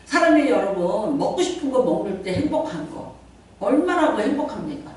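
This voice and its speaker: A middle-aged woman pastor giving a Sunday sermon, chatty and playful as she tells stories and acts out quotes. Her pitch swings widely and animatedly. The sound is very echoey, with the mic set well back in a church hall. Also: sing-song, moderate pace, darkish tone, distant mic. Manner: conversational storytelling with playful asides and acted-out quotes. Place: church sanctuary.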